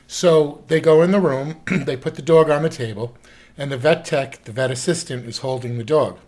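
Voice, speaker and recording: A man's voice: on the high side, normal speed, a little mellow. A man telling funny animal hospital stories to a camera in a casual, rambling and slightly crude way. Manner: rambling, chatty, a little crude.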